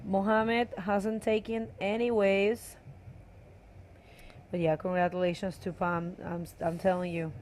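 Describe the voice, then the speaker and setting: A woman's voice: medium pitch, flat delivery, unhurried, a little mellow, slight background noise. A woman giving casual live commentary on a surf contest, hesitating often and filling gaps with fillers.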